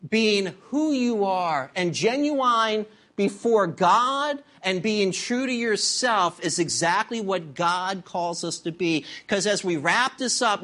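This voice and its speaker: A middle-aged man preaching a sermon as pastor, telling stories with humor and acting out voices. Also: sits high. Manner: animated storytelling with acted-out voices and humor.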